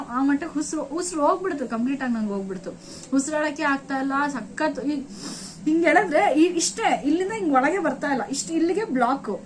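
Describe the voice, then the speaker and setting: A young woman vlogger recounting a frightening trip in an excited, emotional way, repeating words and restarting sentences. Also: sits high, slight background noise, poor audio. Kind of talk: emotional first-person storytelling.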